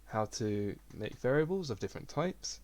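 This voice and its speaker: A young man giving a relaxed, rambling software tutorial at his computer. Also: medium pitch, moderate pace. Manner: relaxed, rambling, self-deprecating. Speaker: game development tutor. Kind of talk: casual screen-recorded tutorial.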